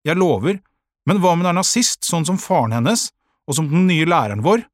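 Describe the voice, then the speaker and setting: A man voicing a headstrong twelve-year-old boy in an audiobook, defiant and grumbling, with a husky tone. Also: a little high, big pitch swings, no room sound, clean studio sound, pitched above the performer's own voice. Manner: defiant, grumbling, quick to bristle. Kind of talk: audiobook character voice.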